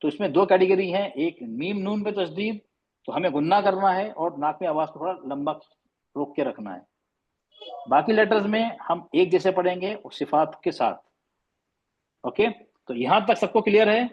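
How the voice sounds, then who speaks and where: A male teacher giving an online class on recitation rules, explaining patiently and drawing out example sounds slowly and repeatedly. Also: high-pitched, expressive, husky, muffled recording. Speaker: tajweed teacher.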